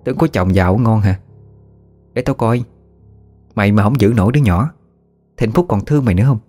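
A man voicing a boastful, scheming young village woman, showy and shrill when panicked. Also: a little fast, darkish tone, soft background music, natural voice. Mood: spiteful.

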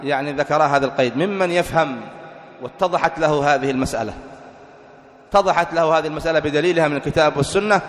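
Male sheikh, high voice, teaching a creed lesson in self-questioning style, roomy hall sound. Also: fast talker. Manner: explains point by point, asks and answers his own questions. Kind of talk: religious lesson. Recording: echoey hall recording.

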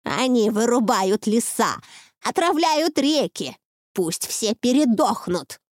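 A woman voicing an ancient, wrathful forest witch in an audiobook, with a creaky, icy voice and slow, scornful speech. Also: mid-range voice, sing-song, dry recording, clean studio sound. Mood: contemptuous. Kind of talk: audiobook reading.

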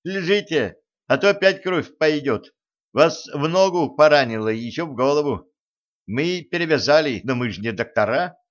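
A man's voice: a little high, lively intonation, normal speed, dull audio, pitched above the performer's own voice, close to an everyday voice. A man voicing an earnest fourteen-year-old village boy in a wartime audiobook, with a thin, breaking voice and urgent delivery.

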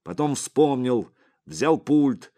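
A man reading an audiobook in a steady, unhurried way. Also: medium pitch. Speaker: audiobook narrator. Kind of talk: scripted narration.

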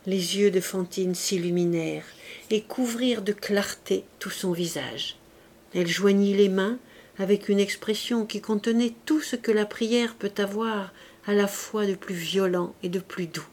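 A woman reading a classic novel aloud as an audiobook, in a calm, careful way. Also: mid-range voice, a little slow. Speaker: audiobook reader. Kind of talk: literary audiobook narration.

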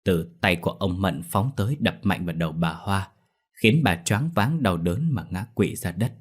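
Low husky male storyteller. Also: normal speed. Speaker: narrator. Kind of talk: scripted horror story narration.

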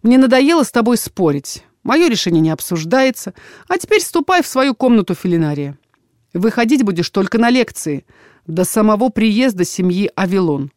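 A woman's voice: mid-range voice, big pitch swings, moderate pace, a little mellow, no echo, studio quality, natural voice. A woman reading the part of a stern, domineering middle-aged father in an audiobook, speaking in a commanding, cold and dismissive way.

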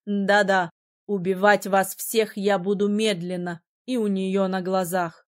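A woman voicing a cruel female mermaid leader who sneers and threatens slowly. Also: mid-range voice, flat delivery, close to an everyday voice. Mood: menacing.

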